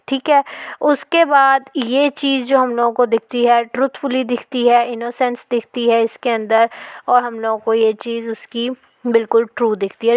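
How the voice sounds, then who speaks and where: A woman teaching a literature lesson. She explains in Hindi, reads English passages slowly, and often checks in with "ठीक है". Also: fairly high pitch, dry recording.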